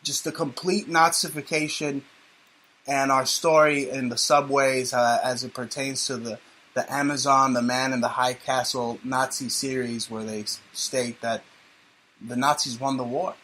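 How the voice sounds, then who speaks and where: Brief: male talk show host, sardonic and rambling, bright mid-pitched voice. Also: level tone, unhurried, poor audio. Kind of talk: casual talk radio banter.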